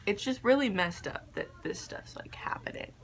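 A young woman vlogging casually, halting and unsure of herself, with a self-deprecating way of talking. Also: medium pitch, animated, poor audio. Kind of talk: casual makeup vlog chat. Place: attic bedroom, indoors. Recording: faint background noise, room ambience.

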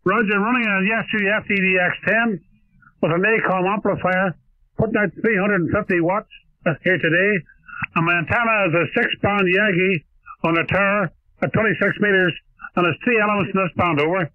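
A man from Ireland, heard over a shortwave radio as a ham operator, speaking in steady radio procedure and ending each turn with "over.". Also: sits high, normal speed, no room sound. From Northern Ireland. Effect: heard over a shortwave radio receiver. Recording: tinny narrow-band radio signal.

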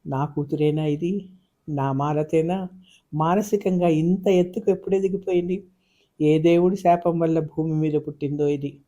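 Male audiobook narrator, measured and expressive, mellow tone, slightly high voice.

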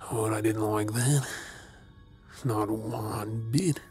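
A man playing a creepy, obsessive captor in an ASMR role-play, menacingly tender, with hesitant pauses and mocking softness. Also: fairly low pitch, animated, soft background music. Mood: sinister, taunting.

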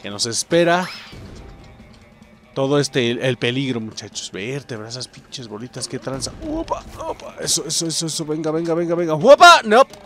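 A Mexican-accented man gives excitable let's-play commentary, swearing and exclaiming at the game as he talks to viewers. His voice is a little high, his speed normal, with music playing behind him.

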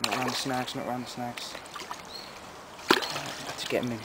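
Loud outdoor noise fills this handheld clip of a young man by a pond in the trees, casually explaining his fishing setup as he goes. The angler vlogger has a mid-range voice at a moderate pace and a relaxed, chatty manner.

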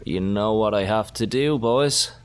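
Man, gaming commentary, very low voice, unhurried delivery, constant swearing, excitable outbursts. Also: clear, resonant tone. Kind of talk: casual let's-play commentary.

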